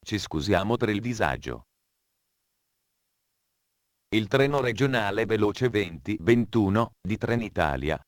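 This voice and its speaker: A man reading scripted train station announcements in a formal, measured way. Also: on the low side, dry recording, clean studio sound.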